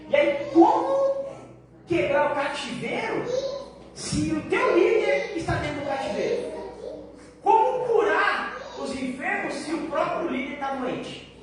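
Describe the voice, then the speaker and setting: A man with a very high voice preaches a sermon in a large church hall, talking conversationally and asking the congregation one question after another. He swings from quiet, easy lines to loud, emphatic ones. The recording is very echoey, with the voice far from the mic and noise heard behind it. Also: expressive, unhurried, crowd noise. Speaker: pastor.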